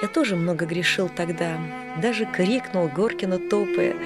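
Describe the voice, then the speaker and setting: A woman reading a literary audiobook in a calm, measured storytelling manner. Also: on the low side, over music. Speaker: audiobook reader.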